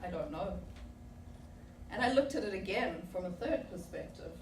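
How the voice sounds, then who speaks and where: A South African woman in her forties gives a prepared, reflective speech to a club audience in a meeting room, filling it with rhetorical questions. Her mid-range voice is expressive and darkish, at a moderate pace. The recording has an echoey room, a distant mic and background noise.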